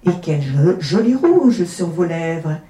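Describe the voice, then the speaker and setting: A woman's voice: low voice, big pitch swings, slow, dark tone, roomy sound, far from the mic, exaggerated voice. A woman voicing a sly male wolf in a fairy tale, asking coaxing, admiring questions.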